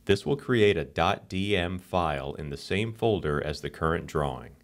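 A very deep male voice reads the script for a software screencast at normal speed. He sounds calm and instructional, keeping an even tone and moving through the steps unhurriedly.

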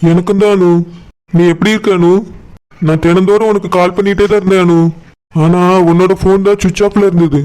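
A man voicing an anxious young man in a cartoon, fretting over a secret love and gently comforting her. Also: high voice, steady tone, a little fast, natural voice. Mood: concerned. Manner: fretful, reassuring. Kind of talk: cartoon voice acting.

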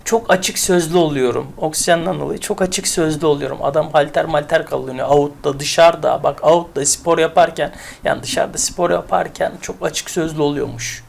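A woman's voice: low-pitched, fairly even intonation, normal speed, vocal fry, few pauses, a little hiss or hum. A woman teaching English vocabulary in a casual, chatty way, repeating words and building memory tricks. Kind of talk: casual spoken lesson.

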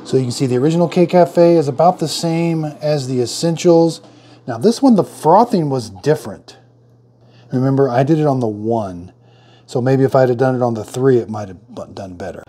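A man's voice: medium pitch, normal speed, warm tone. A middle-aged man giving a casual hands-on product demo in his home kitchen, thinking aloud in a plain-spoken way as he works. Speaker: product reviewer.

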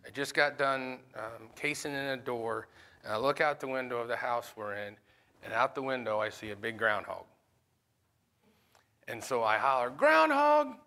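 A man's voice: medium pitch, steady tone, normal speed, bright, forceful tone. A man, a pastor, teaching a Sunday school class in a conversational way and often putting questions to the class. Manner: conversational, with fillers.

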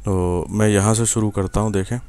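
Deep-voiced Pakistani man teaching software. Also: fairly even intonation, clean tone. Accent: Pakistani Urdu. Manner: patient, step-by-step, many fillers and "ٹھیک ہے" checks. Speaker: software instructor. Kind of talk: screen-recorded tutorial.

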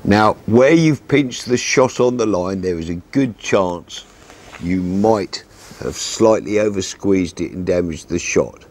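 A man in his sixties calmly explaining a fishing setup step by step, seated outdoors at a garden table and talking into a lapel mic. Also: low-pitched, takes it slowly. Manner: calm, methodical, practical explanations. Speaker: fishing instructor. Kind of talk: step-by-step tutorial.

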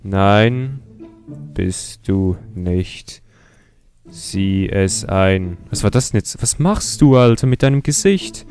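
A man's voice: on the low side, animated, slow pace, darkish tone, soft background music. A young man hosting a comedy video, mocking and sarcastic as he comments, often laughing. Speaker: YouTuber host.

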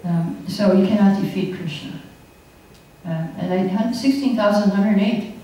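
An older woman teaches a chatty scripture class full of anecdotes, laughing often as she speaks into a podium mic on a stand. Her voice is medium in pitch and warm, at a moderate pace. The indoor hall is echoey, she is recorded from a distance, and there is slight background noise.

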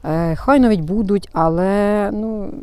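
Warm-voiced woman chatting in her garden. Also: mid-range voice, a little slow, clear, resonant tone, no room sound. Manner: chatty, explanatory, hesitant with many fillers. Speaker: gardening channel host. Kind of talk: casual gardening how-to. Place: outdoor flower bed in a garden. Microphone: self-filmed camera.

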